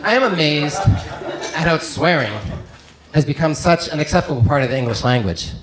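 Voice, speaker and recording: A man from Canada works the room in a stand-up set, trading in deadpan one-liners with a raised, bright-sitting pitch. He is heard in an echoey comedy club. Loud crowd laughter surrounds his voice. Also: fairly quick. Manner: deadpan one-liners with mock foreign phrases. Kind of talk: stand-up routine. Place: comedy club with live audience.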